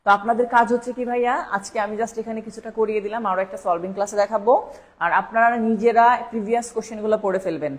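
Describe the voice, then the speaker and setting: A woman's voice: mid-range voice, fairly even intonation, rapid-fire. A woman teaching a live online English spelling lesson for exam preparation. She repeats each word several times and spells it out letter by letter.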